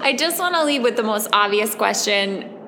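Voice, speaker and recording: A woman's voice: a little high, animated, normal speed, big-room sound, a crowd in the background. A woman co-hosting a podcast, chatting in an upbeat, casual way. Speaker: podcast co-host.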